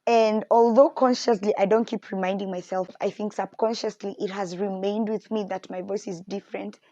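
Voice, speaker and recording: A young woman hosting a podcast speaks candidly and reflectively about her faith and insecurities, growing animated when she quotes others. Her mid-range voice moves at a moderate pace in a dry, muffled recording.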